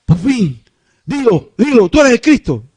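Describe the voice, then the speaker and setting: A man voicing an anxious male high priest who presses hard with insistent questions in a sermon. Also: sing-song, unhurried, a little mellow, husky, exaggerated voice. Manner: pressing, high-pitched demanding tone.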